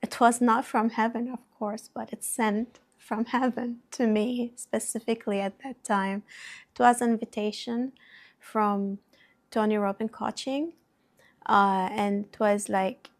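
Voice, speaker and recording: A woman with a somewhat high voice shares a personal story on her vlog. She speaks slowly and reflectively, with heartfelt warmth and a non-native English phrasing. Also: fairly even intonation. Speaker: vlogger.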